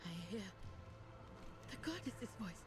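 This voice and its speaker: A woman's voice: fairly high pitch, very animated, takes it slowly. Solemn reverent priestess for a fantasy game, music blaring behind her. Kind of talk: dramatic game voice acting.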